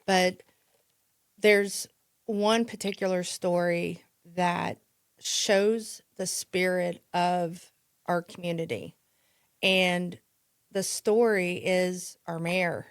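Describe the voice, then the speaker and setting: Slow-talking woman with a gravelly voice. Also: on the low side, steady tone, no room sound, studio quality. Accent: Midwestern American. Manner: chatty, with restarts and laughs. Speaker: podcast guest, real estate agent. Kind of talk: casual storytelling.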